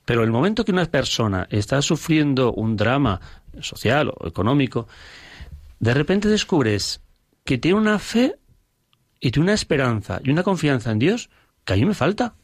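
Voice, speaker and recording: A parish priest telling stories in an interview, earnest and full of pauses, acting out the people he quotes. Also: mid-range voice, sing-song, no room sound, studio quality. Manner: earnest, pauses often, acts out dialogue with rising voice. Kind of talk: reflective storytelling in an interview.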